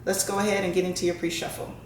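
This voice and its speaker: A woman with a lowish, gravelly voice reads tarot casually for her online audience. She often tags her phrases with a questioning "right?" The sound is roomy and echoing. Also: little pitch movement, rapid-fire. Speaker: tarot reader and channel host. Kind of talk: casual tarot and horoscope reading to viewers. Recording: roomy echo, faint background noise.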